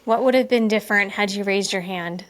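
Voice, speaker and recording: A woman's voice: mid-range voice, fairly quick, a bit bright, slight background noise. A woman hosting a podcast interview, supportive and affirming, asking open questions. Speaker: podcast host.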